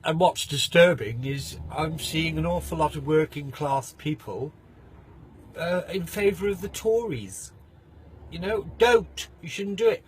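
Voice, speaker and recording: A man's voice: fairly high pitch, slight background noise. A man vlogging casually, ranting in a mocking, opinionated way and sometimes talking with his mouth full.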